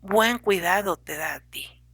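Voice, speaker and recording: A woman's voice: mid-range voice, measured pace, fairly bright tone, husky. A woman voicing an ailing older husband who scolds and pleads with his young wife, in an audiobook reading. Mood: reproachful. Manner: lecturing, complaining, pleading.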